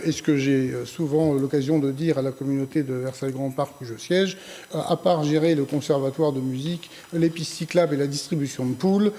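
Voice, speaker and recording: Guy arguing his party's plan in a tv studio debate, slightly high but mellow voice. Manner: argumentative, correcting the opponent's framing. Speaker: local party president debating. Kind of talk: televised political debate. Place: local TV studio.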